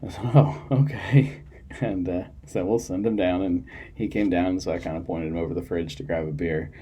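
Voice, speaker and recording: A man's voice: deep voice, flat delivery, fairly quick, dark tone, husky. A man hosting a podcast on his own in a small studio, tired and yawning, chatting in a loose, rambling way with lots of fillers and restarts. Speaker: podcast host. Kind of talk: casual solo chat.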